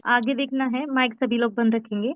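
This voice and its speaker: A woman with a slightly high voice leads an online class, sounding out each letter slowly and repeating it so it sticks. The audio is dry and narrow, like a phone line. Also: steady tone, no echo. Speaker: Urdu teacher. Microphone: online class call. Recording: tinny phone-like call audio.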